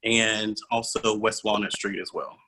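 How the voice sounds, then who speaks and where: A man's voice: lowish voice, flat delivery, unhurried, bright, forceful tone, a little hiss or hum, rough recording. A man from Kentucky introducing himself on a video call, hesitant, with frequent fillers and self-corrections. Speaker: attorney and panel participant. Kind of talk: personal introduction in a group conversation.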